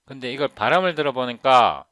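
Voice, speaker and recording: A man in his fifties explaining English pronunciation in a casual tutorial, repeating words slowly to show how they sound. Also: medium pitch, animated, pushed and bright, clear, resonant tone, no room sound. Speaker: software developer teaching English pronunciation. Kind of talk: casual screen-recorded tutorial.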